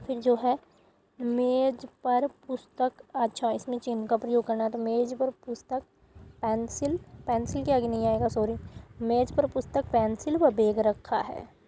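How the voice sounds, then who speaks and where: A woman's voice: on the high side, fairly even intonation, measured pace, mellow, a little hiss or hum, low-quality recording. A woman teaching a grammar lesson, explaining step by step and stopping to correct herself.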